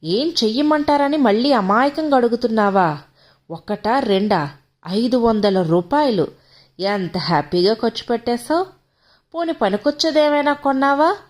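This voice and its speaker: A woman's voice: a little high, animated, normal speed, darkish tone, natural voice. A woman reading the lines of a man, an arrogant young husband who mocks and berates his wife. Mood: mocking. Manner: mocking, berating.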